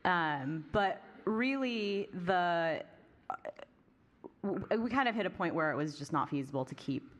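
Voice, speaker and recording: A woman's voice: lowish voice, animated, measured pace. Chatty, giggly female podcast co-host. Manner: chatty, giggly, many fillers. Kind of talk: live podcast Q&A with audience.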